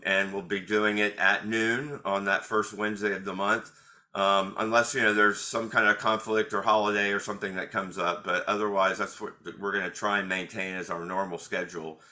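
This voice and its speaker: Lowish, sharp-toned man hosting a webinar. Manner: hesitant, many fillers and restarts. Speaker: attorney hosting a monthly Q&A webinar. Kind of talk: informal webinar presentation.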